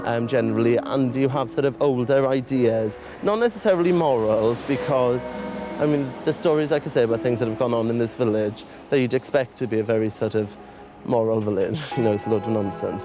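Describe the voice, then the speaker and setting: A man speaking in an interview, rambling and hesitant, with frequent fillers and short laughs. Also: mid-range voice. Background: music.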